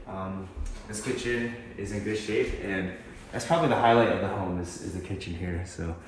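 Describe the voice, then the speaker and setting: A man giving a casual, low-key walk-through house tour as a real estate agent, tentative and mildly approving. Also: moderate pace. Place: inside a mostly empty house, walking through. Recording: echoey empty rooms, distant mic, background noise.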